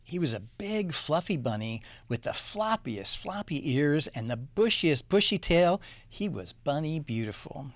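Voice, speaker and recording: A man narrating a children's storybook in a playful, animated way. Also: on the high side, a little slow, dry recording. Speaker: storybook reader.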